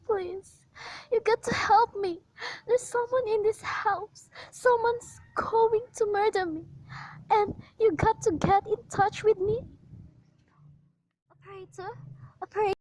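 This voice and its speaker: A woman's voice: extremely high pitch, a little mellow, rough recording. A woman playing a frightened bedridden woman alone at night, pleading frantically in an amateur radio play. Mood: panicked. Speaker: invalid caller.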